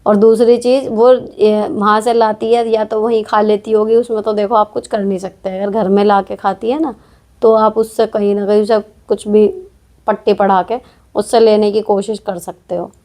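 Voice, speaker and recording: A woman's voice: mid-range voice, little pitch movement, moderate pace, mellow. Frank, conversational woman host giving practical advice to viewers. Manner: direct, frank, chatty, with frequent tag questions. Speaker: host answering viewer questions. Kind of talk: casual advice talk.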